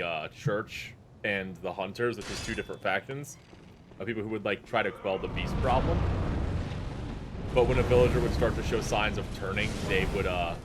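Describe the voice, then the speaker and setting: Male co-host, low voice, casual hesitant lore recap, noisy audio. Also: fairly even intonation, moderate pace. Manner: storytelling, hesitant with many restarts. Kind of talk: casual let's-play chat.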